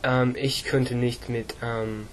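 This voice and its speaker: English teen boy, german practice, slow and halting, lots of ums, faint room hum. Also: mid-range voice, level tone. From England. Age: teens. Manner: halting, slow, many fillers. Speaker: student.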